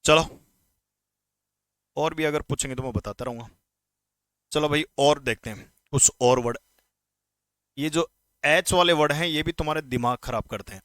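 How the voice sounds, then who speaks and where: A man teaching English grammar in an exam-prep lesson, speaking informally to students and repeating words slowly to drill pronunciation. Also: a little high, a bit bright, clear, resonant tone, no room sound. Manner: addresses students informally, asks quick questions.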